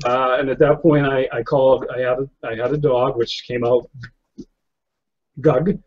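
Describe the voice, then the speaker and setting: Brief: middle-aged man, New England-raised photographer, mid-pitched, meandering and filler-heavy, muffled webcam call audio. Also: level tone, moderate pace. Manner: rambling, many fillers and restarts, chuckles often. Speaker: guest photographer. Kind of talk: casual interview conversation. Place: indoor room, seated in office chair. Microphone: webcam on a video call. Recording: slightly lo-fi video call audio.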